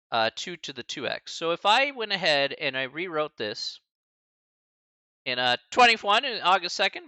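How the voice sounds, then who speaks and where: Lively man in his forties teaching math. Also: fairly high pitch, smooth, no room sound. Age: 40s. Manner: lively, chatty asides to chat, laughs often. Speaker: college math instructor. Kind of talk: live-streamed math lecture.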